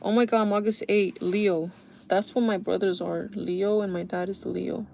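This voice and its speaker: Chatty woman in her thirties, gravelly. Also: mid-range voice, fairly even intonation, moderate pace, a little mellow, slight background noise. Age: 30s. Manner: chatty, confiding, talks straight to viewers as "you guys". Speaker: beauty vlogger. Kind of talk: casual chat while doing makeup, reading chat.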